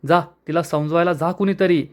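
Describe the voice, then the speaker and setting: A man's voice: a little high, steady tone, normal speed, lightly acted. A man voicing an upset man of the house who scolds his brothers, in a read serial recap. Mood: scolding.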